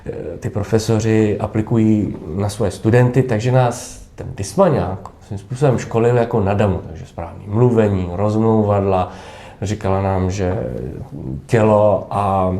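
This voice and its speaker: Actor guy in his 30s chatting in an interview, lowish mellow voice, lots of uh and restarts, echoey room. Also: fairly even intonation. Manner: thoughtful, frequent hesitations and restarts. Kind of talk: relaxed interview answers. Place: theatre backstage room.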